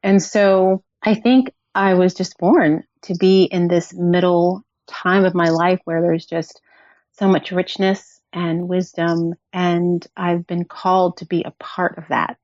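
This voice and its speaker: A woman in her forties, a podcast guest, talking in a thoughtful, soft-spoken and personal way. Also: fairly low pitch, level tone, takes it slowly, no echo. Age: 40s. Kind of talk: reflective conversational storytelling. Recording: dull dry lo-fi audio.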